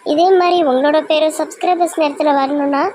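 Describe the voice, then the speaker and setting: A woman's voice: sits high, steady tone, a little fast, darkish tone, a little hiss or hum. Woman host greeting viewers. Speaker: channel host. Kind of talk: friendly sign-off to viewers.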